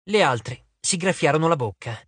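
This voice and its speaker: A man narrating an audiobook chapter in an expressive storytelling manner. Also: a little high, moderate pace, slightly rough, dry recording. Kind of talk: scripted narration. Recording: dry close studio sound.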